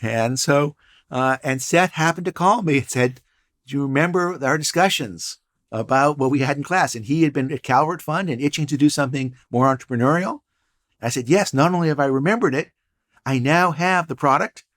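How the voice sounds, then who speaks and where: A man's voice: a little high, fairly quick, fairly bright tone. An older man, a guest entrepreneur and professor, telling stories in a casual interview with dry, punning humor. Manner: storytelling, wry and punning.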